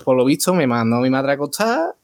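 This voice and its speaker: A man's voice: medium pitch, sing-song, brisk. A man hosting a casual chat among friends, laughing often. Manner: leads the segment, laughs often. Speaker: podcast host.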